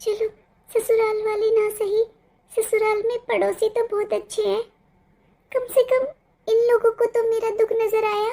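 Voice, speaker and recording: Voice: extremely high pitch, level tone, measured pace, creaky, mellow, exaggerated voice. A voice actor playing a young village daughter-in-law in a cartoon, complaining and defiant. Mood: hurt. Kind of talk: cartoon dubbing.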